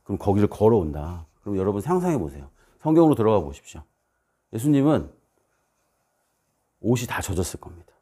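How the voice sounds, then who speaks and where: A man preaching a sermon as a missionary, telling stories and acting out the voices and shouts in them. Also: lowish voice, very animated, fairly quick, pauses often, slightly rough. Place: church.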